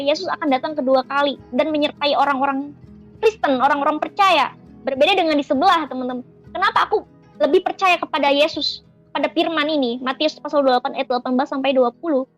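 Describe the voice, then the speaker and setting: A woman with a high voice shares a personal religious testimony in an earnest, emotional way. She speaks straight to her listeners as friends, and soft music plays faintly behind her. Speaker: testimony giver.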